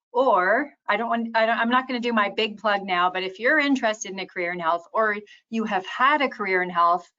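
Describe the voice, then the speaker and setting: A woman's voice: mid-range voice, sharp tone. A woman program manager introducing herself on a webinar in a chatty, joking way. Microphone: video call. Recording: dull lo-fi call audio.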